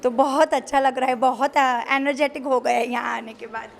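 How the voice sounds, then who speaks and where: A woman from Rajasthan answering interview questions hesitantly, with many pauses and restarts. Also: high-pitched, fairly even intonation, vocal fry.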